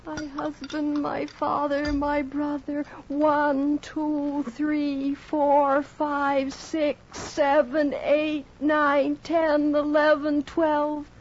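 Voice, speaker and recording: A woman's voice: high-pitched, completely flat delivery, drawn-out words, few pauses, a little hiss or hum. An actress playing a young woman delirious with brain fever, chanting numbers in a feverish singsong, in 1940s radio acting on a muffled old transcription.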